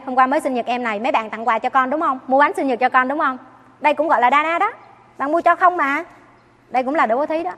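A woman's voice: sits high, a bit bright, in a large hall. A Buddhist nun giving an earnest dharma talk, often questioning her listeners. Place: temple hall.

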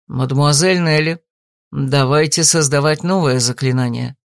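A woman voicing a lowered, courteous gentleman. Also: no echo, clean studio sound. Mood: decisive. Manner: polite, measured, gently amused. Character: courteous, amused man, palace host, composed. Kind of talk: audiobook character voice.

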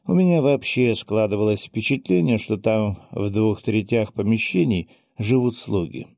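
A man narrating a first-person fantasy audiobook in a steady, wry storytelling manner. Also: fairly low pitch, normal speed, gravelly, dry recording, studio quality.

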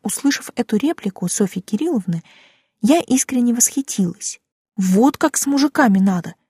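Expressive woman narrating an audiobook. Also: on the high side, moderate pace, breathy edge, no room sound, studio quality. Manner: expressive, acts out dialogue. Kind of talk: audiobook narration, first person.

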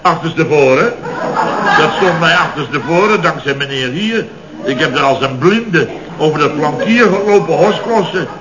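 A crowd murmurs behind this male actor, whose slightly high voice sounds natural, with lively intonation and a normal speed. With a Netherlands Dutch accent, he plays a blustering, middle-aged, put-upon building boss in 1970s radio comedy, indignantly telling long stories of mishaps with exasperated emphasis. The old radio recording is dull.

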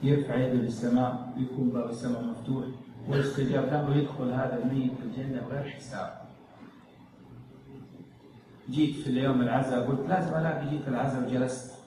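Impassioned preacher in a hall. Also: male voice, mid-range voice, fairly even intonation, fast talker, pauses often. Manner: impassioned, swinging from loud pleading to hushed. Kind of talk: emotional sermon storytelling. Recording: echoey hall, distant mic, faint noise.

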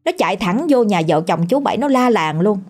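A woman's voice: medium pitch, lively intonation, a little fast, darkish tone. A woman with a Southern Vietnamese accent telling a ghost story in a chatty, colloquial way.

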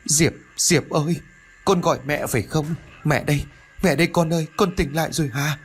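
A woman's voice: low voice, steady tone, fairly quick, faint music behind, pitched above the performer's own voice. A man voicing a frantic, grieving old village mother with a wheezy voice. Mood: pleading.

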